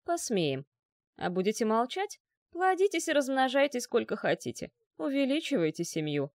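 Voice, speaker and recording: A woman's voice: fairly high pitch, sing-song, normal speed, no room sound, clean studio sound, pitched above the performer's own voice. A woman voicing a cold, mocking, menacing man who makes threats.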